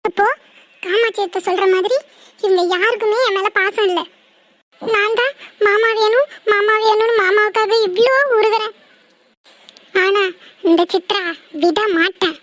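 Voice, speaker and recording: A woman's voice: extremely high pitch, steady tone, measured pace, long pauses, background noise. A woman voicing a jealous, tearful young woman who plots in secret, in a cartoon. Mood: resentful. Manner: whiny, resentful, plotting. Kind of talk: cartoon voice acting.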